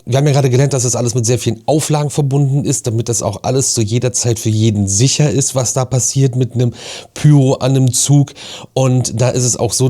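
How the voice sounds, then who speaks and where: A man's voice: mid-range voice, dark tone, no echo, clean studio sound. A man chatting casually and enthusiastically to viewers as a slangy vlog host. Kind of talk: casual vlog chat to camera.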